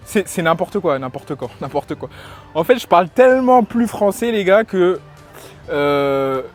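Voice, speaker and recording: A man from France, a lifestyle and dating coach, giving casual opinions in a vlog, halting, with lots of fillers and restarts. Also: high voice, expressive, soft background music.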